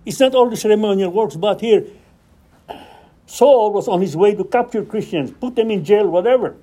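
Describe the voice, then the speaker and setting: A man leads a Bible study in a high but mellow, dark-toned voice. He preaches, acting out the scripture dialogue and rising into questions. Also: lively intonation, moderate pace.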